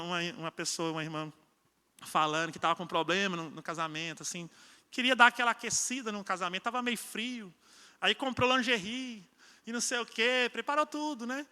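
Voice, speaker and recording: A man's voice: high-pitched, normal speed, pushed and bright, smooth. A man preaching a sermon in a conversational style, acting out arguments between spouses. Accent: Brazilian Portuguese. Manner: conversational preaching with acted-out quarrels. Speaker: pastor. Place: church hall. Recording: long church-hall reverb.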